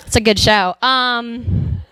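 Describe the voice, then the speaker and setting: A young Texan woman performs stand-up comedy, spinning animated stories and dropping into character voices. Her voice is slightly high and smooth.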